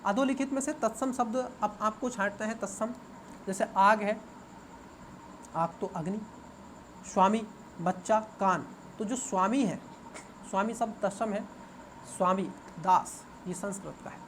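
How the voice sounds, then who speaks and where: A man's voice: sits high, measured pace, long pauses, fairly bright tone. Male exam coach walking through a paper, repeats each term, quizzes viewers rhetorically, faint background hiss. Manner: repeats words and asks students rhetorical questions. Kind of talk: exam paper answer walkthrough.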